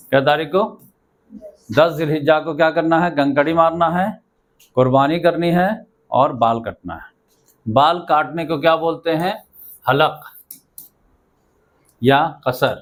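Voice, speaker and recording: A male teacher giving a lesson, who keeps asking his listeners questions, answers them himself, and checks after each step that they have followed. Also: a little high. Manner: repeats checking "okay?" often.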